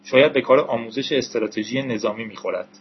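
A man voicing a calm, knowing male programmer with a measured, explanatory delivery, in an audiobook reading. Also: medium pitch, breathy edge, lo-fi sound.

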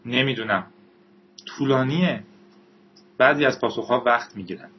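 A man's voice: mid-range voice, dull audio, a little hiss or hum, close to an everyday voice. A man doing a mischievous young hacker. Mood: playful. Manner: teasing, excited.

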